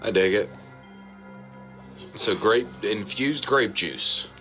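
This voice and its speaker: A man co-hosting a casual chat show, rambling through explanations with relaxed swearing. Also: lowish voice, slow pace, soft background music. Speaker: podcast co-host.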